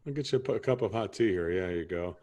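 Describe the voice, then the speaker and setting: Guy playing a chatty customer in a training roleplay, lowish voice, rambles on. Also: fast, darkish tone. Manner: rambling, keeps asking "you see what I'm saying". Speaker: homeowner customer in a sales role-play. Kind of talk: improvised training role-play.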